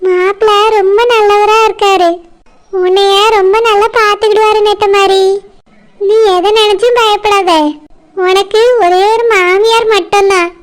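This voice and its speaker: A woman voicing a patient elder sister in a cartoon, gently coaxing and soothing in a Kanyakumari Tamil accent. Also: very high voice, flat delivery, unhurried. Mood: consoling.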